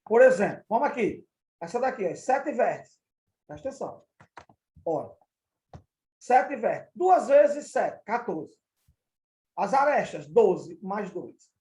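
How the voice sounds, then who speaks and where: Slow, patient Brazilian math teacher. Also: male voice, high voice, big pitch swings, darkish tone, reverberant, low-quality recording. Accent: Brazilian Portuguese. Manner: patient, repeats and counts out examples step by step. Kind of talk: recorded classroom lesson.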